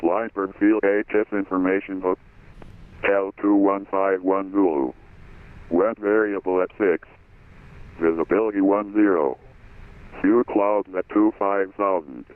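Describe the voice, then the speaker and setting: A man reading an airport weather broadcast in a flat, steady recitation, heard over aviation radio. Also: sits low, unhurried, clean tone. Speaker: automated terminal information broadcaster. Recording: tinny narrow-band radio audio.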